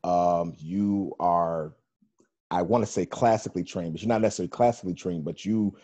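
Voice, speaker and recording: A male radio host running a casual interview, his voice very low and warmly mellow. He rambles, circling back through fillers and restarts before landing on his questions, with a husky grain throughout. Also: fairly even intonation, a little fast.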